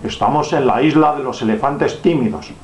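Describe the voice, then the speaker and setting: Man playing a gentle friendly superhero, echoey room. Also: medium pitch, moderate pace, close to an everyday voice. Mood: friendly, helpful. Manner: gentle, reassuring, simple talk to a child. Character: friendly flying male superhero helping a lost little girl. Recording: dull, echoey home room recording.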